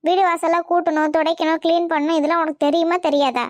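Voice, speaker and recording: A bossy mother-in-law , played by a woman, scolds and nags in a comedy skit. Her voice sits very high and sounds dry and close. Her talk is scornful and berating. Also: little pitch movement, fast, no room sound. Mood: scolding. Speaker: skit actor.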